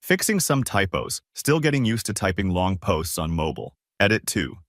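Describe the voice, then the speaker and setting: A man with a lowish voice tells a first-person story as scripted narration. His delivery is casual and conversational. The recording is close and dry, with no room sound. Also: very animated, normal speed, a bit bright, no room sound.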